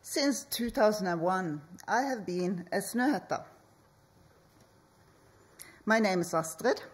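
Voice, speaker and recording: Measured, slow-paced woman presenting. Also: medium pitch, animated. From Norway. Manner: measured, deliberate, with pauses between phrases. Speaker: architect, conference speaker. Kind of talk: conference presentation. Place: conference hall.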